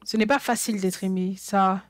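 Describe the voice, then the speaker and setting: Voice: medium pitch, steady tone, moderate pace. A French voice-over of a preacher, talking in a conversational way, often checking in with listeners and restating points. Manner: frequent check-in questions to listeners. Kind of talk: dubbed sermon, conversational preaching.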